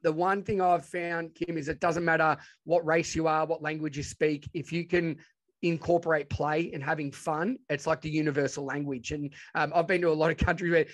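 A man's voice: a little high, flat delivery, moderate pace. A man with a broad Australian accent, chatting informally and enthusiastically as he tells stories as an interview guest. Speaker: podcast guest, educator and presenter. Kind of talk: casual interview storytelling.

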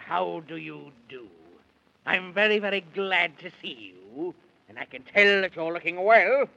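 A man's voice: on the high side, creaky, bright, forceful tone, heavily acted. An actor playing a gloating, vain, tyrannical king in a 1930s radio play, pompous and mocking in rhyme. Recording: dull, muffled 1930s radio recording.

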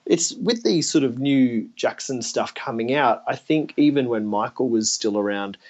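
A man speaks as a podcast host in a casual, conversational way. His voice sits at an average pitch for a man, and he talks informally, as if chatting with friends. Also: lively intonation, normal speed, highs cut off. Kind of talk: casual chat.

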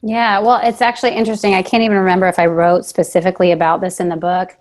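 A woman's voice: fairly low pitch, darkish tone. Earnest, reflective woman guest. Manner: earnest, reflective, says "like" often. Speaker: guest author. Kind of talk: casual interview talk.

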